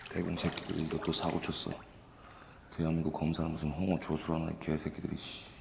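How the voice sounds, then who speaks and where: An actor playing a brash, foul-mouthed, stubborn male prosecutor in a period film, talking bluntly and gruffly. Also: a bass voice, monotone, fairly quick, a little mellow. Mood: grumbling. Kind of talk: 1980s period film acting. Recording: film audio with faint noise.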